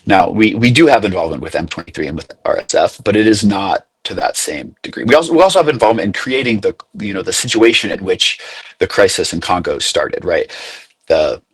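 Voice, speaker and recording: Speaking fairly quickly with lively intonation, a young U.S. graduate student activist talks earnestly as an interview guest, his voice low and a bit husky. He thinks aloud, refining points through frequent self-corrections, on a low-quality, completely dry recording.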